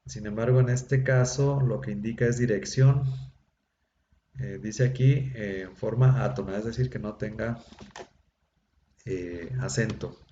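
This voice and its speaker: A man's voice: fairly low pitch, a little slow, pauses often, mellow. A man teaching Biblical Hebrew, explaining patiently with many fillers, heard over a video call. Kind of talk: online class lecture. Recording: dull lo-fi echoey room with faint hum.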